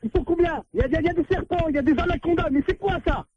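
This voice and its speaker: A man's voice: very high voice, rapid-fire, a little mellow, no room sound. A man who is being pranked, angrily ordering the caller out and repeating himself. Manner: angry, insistent, repeating himself. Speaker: prank call victim, landlord. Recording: muffled dry phone line.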